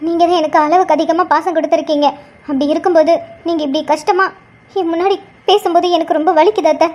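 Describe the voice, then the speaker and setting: A woman's voice: very high-pitched, fairly even intonation, fast, darkish tone. A woman voicing a hurt young mother who speaks emotionally and tearfully but stands firm. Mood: pleading. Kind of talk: cartoon drama voice acting.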